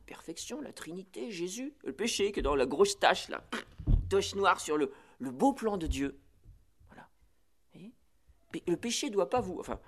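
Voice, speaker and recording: A man, a priest, giving spiritual instruction on the prayer office. He talks in a lively, chatty way and reads Latin phrases slowly before explaining them. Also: a little high. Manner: lively, chatty teaching peppered with "voilà" and "vous voyez".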